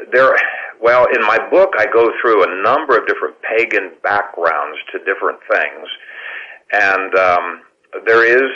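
A man's voice: low voice, sharp tone, dull audio. A man who grew up in Ethiopia, answering as a guest author on a radio show, hesitant with many fillers.

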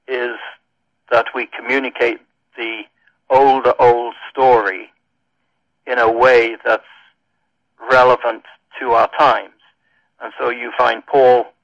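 A middle-aged Welsh man, a minister and radio guest, giving thoughtful answers with many pauses and ums. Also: mid-range voice, gravelly, fairly bright tone, no echo. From Wales. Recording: dull lo-fi radio sound.

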